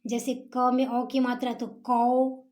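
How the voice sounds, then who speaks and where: A high-pitched woman teaches a lesson in an explanatory way. Her tone is mellow and soft-edged. She stretches the syllables out slowly as she sounds them and keeps checking in with the listener. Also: completely flat delivery. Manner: slow, drawn-out sounding of syllables; repeats okay and checks in with listener.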